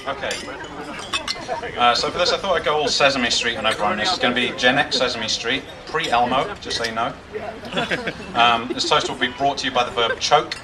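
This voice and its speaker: At a wedding reception, a best man gives a jokey toast full of dry, self-deprecating humor, speaking a little fast at medium pitch. A distant mic in the noisy, crowded room picks up guests and crowd noise around him.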